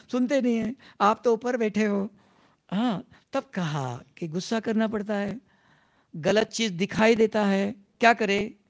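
Spiritual teacher giving a devotional class, gravelly voice, keeps asking the room questions. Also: mid-range voice, darkish tone.

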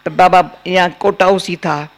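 An older woman giving a spiritual discourse, telling personal stories in a slow, homely way. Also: lowish voice, fairly even intonation. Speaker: spiritual teacher.

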